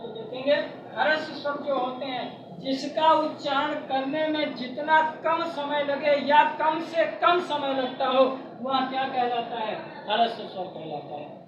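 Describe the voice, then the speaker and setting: Woman teacher, exam-prep lesson, high voice, distant dull lo-fi sound with clear background noise. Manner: repeats key terms, addresses listeners as friends, draws out vowels slowly. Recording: echoey, distant, dull, noisy.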